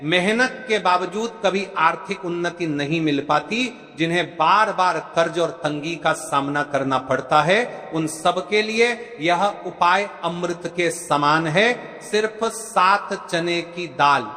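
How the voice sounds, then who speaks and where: A man's voice: high-pitched, slow pace, few pauses, bright, forceful tone, in a large hall. A man preacher giving step-by-step devotional instructions, speaking straight to his listeners as devotees and often checking in with them. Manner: repeats a checking "okay". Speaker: religious preacher.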